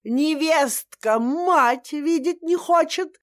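A woman voicing a loud, domineering mother-in-law in her forties who shouts crude threats and keeps sneezing. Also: a little high, lively intonation, slow. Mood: yelling, bossy.

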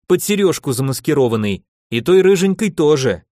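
A man doing a cheeky high-voiced youth. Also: big pitch swings, brisk, dark tone, dry recording, studio quality. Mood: gloating. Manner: insolent, teasing. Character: brash cheeky young man, a mocking upstart.

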